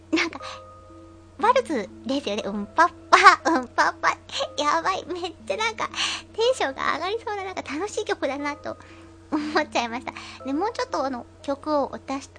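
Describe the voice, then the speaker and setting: Woman, net radio host, high cute voice, giggly and rambling, faint music underneath. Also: a bit bright. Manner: chatty, giggly, rambling with fillers. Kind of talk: casual chat reading listener comments. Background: faint background music.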